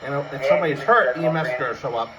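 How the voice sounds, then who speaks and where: Indoors in his house, an emergency medical worker and radio enthusiast rambles hesitantly through a casual look at his equipment, thinking aloud. His mid-range voice races, the highs are cut off, and a loud crowd is audible. It is a home recording with faint background noise.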